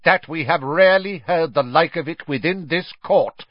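A man's voice: fairly high pitch, normal speed, no echo, muffled recording, voice pushed up, natural voice. Man as a bellowing, pitiless older judge. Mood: cold authority. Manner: loud, clear, bellowing, formal. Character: stern, hate-filled older male judge condemning prisoners.

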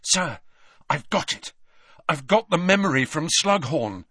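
A man's voice: a little high, big pitch swings, unhurried, a bit bright, slightly rough, no echo, studio quality, voice pushed up, full character voice. A man voicing an eager, earnest teenage schoolboy wizard who talks urgently.

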